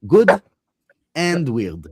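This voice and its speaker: A man recapping a session in a casual panel chat over a video call, halting and filled with uh and um. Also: fairly high pitch, huge pitch swings, a little mellow, husky, no echo, clean studio sound. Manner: hesitant, many fillers.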